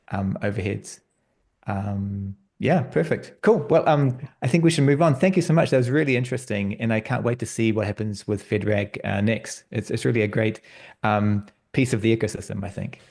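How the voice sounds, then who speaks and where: A man hosting an online research workshop on a video call, relaxed and friendly, with frequent fillers. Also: on the low side, creaky. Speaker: workshop host.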